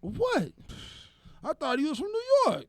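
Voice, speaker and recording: A man co-hosting a podcast in casual chat, animated and laughing often as he acts out quoted voices. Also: extremely high pitch, a little slow, no echo, clean studio sound. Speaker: podcast co-host.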